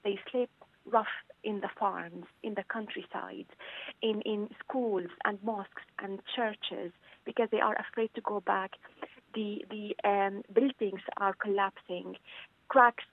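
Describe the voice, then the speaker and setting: A woman from Syria, a journalist, speaking earnestly and haltingly as a guest in a radio phone interview. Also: medium pitch, steady tone. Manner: earnest, halting, many restarts. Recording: phone line, lo-fi.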